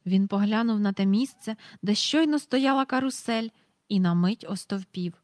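A woman reading a storybook aloud in calm, even narration. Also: mid-range voice, normal speed, no room sound, clean studio sound. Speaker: audiobook reader.

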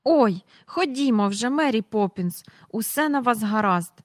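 A woman's voice: fairly high pitch, normal speed, dry recording, clean studio sound, lightly acted. Woman doing an eager little boy, impatient. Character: excitable young boy.

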